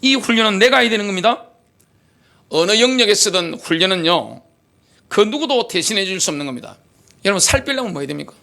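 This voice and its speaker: A man's voice: high-pitched, expressive, fast, gravelly, pushed and bright. A middle-aged man, a pastor, preaching a sermon animatedly with many rhetorical questions. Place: church sanctuary.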